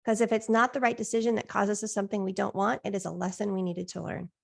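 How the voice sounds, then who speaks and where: Woman life coach, encouraging and reflective, a touch of vocal fry. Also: mid-range voice, little pitch movement, quick pace. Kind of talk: coaching session.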